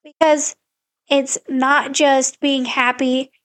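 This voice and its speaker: A woman's voice: high voice, flat delivery, slow pace, a bit bright. A woman co-hosting a podcast, giving earnest, encouraging advice in casual chat. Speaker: podcast co-host.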